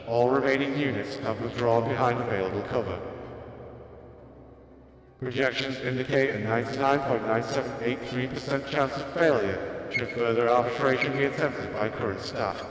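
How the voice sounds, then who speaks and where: A man's voice: mid-range voice, moderate pace, natural voice. Robot voice, man voicing an emotionless machine unit, clipped and stiff, long echoing reverb. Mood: flat. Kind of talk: fan voice-over of game dialogue. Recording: very echoey room with long reverb.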